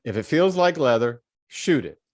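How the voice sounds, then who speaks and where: Co-hosting a laid-back show where the talk turns to favorite books, this American-accented man from Indiana, United States, is jokey and rambling. His voice is medium in pitch, sing-song and a little mellow, at a moderate pace.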